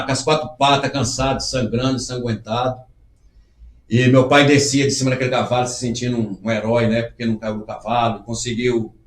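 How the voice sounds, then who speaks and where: With a medium pitch and roomy sound, a middle-aged man hosts a live show. Earnest and conversational, he reads comments out and works through them, sometimes acting out little dialogues.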